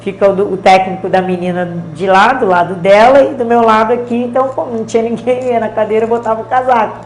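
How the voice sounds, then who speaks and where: A woman with a Brazilian Portuguese accent, a karate champion telling stories in a casual interview, acting out the dialogue in slangy, lively speech. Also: fairly high pitch, quick pace, roomy sound, a little hiss or hum.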